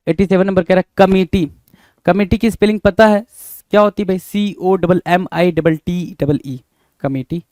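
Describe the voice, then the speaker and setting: A man's voice: on the high side, darkish tone, no echo. A man with a Hindi accent teaching an English spelling lesson, spelling words out letter by letter and repeating them. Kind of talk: spelling lesson, explaining answers.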